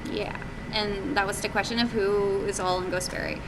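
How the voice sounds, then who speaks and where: A woman with a mid-range voice and moderate pace fields questions as an indie game developer at a live indoor meetup. She keeps it casual, a bit hesitant, thinking out loud. The recording captures a noisy room and a constant hum.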